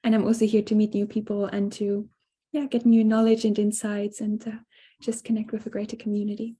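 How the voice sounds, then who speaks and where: A woman's voice: mid-range voice, completely flat delivery, brisk, mellow, breathy edge. A woman student and NGO volunteer introducing herself steadily on a video call. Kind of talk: casual self-introduction.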